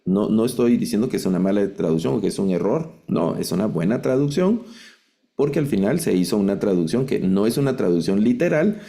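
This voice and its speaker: Man teaching an online class, dark mellow low voice, explains patiently, keeps asking "right?". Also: expressive, fairly quick, creaky. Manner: explanatory, frequent rhetorical "¿verdad?" tag questions. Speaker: Bible translation lecturer.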